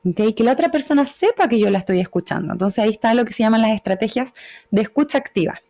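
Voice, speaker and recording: A woman's voice: on the high side, animated, quick pace, warm tone. A woman gives an online lecture on communication over a video call. She explains patiently and often checks in with short tag questions. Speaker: webinar speaker.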